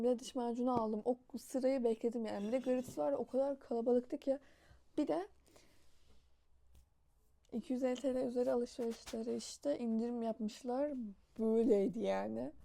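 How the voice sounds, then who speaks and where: A woman's voice: fairly high pitch, fairly even intonation, normal speed, gravelly, dark tone. A young woman chatting casually at home as a vlogger, laughing often and cooing at a little child. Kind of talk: casual vlog chat.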